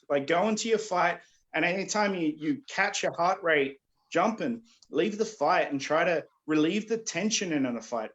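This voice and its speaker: A man from Australia or New Zealand giving a casual online combat class, rambling along with many fillers and clearing his throat. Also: a little high, fairly bright tone. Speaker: combat instructor. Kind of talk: casual virtual class talk. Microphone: video call.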